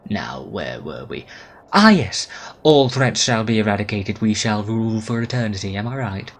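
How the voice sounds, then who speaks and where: An actor playing a domineering, haughty villain mastermind in a sci-fi fan audio drama, with theatrical delivery. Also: male voice, lowish voice, expressive, moderate pace, a little hiss or hum. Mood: gloating. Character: domineering, impatient, grandiose male arch-villain mastermind. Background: faint music.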